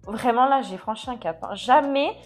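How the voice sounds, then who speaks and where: Chatty woman with a fairly high voice. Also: moderate pace, faint music behind. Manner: chatty, jokey mock dismay and self-corrections. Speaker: book reviewer. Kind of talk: casual book review chat.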